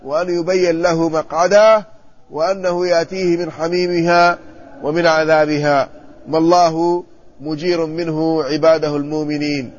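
A man, an Islamic scholar, giving a measured classroom commentary on hadith and checking the text with his students. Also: fairly high pitch, level tone. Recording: muffled lo-fi recording with faint ambience.

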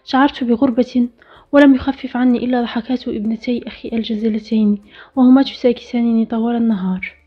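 Quick, bright-toned woman storyteller. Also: a little high. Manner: steady first-person storytelling read. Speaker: narrator. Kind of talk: scripted story narration. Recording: dull lo-fi recording with faint music.

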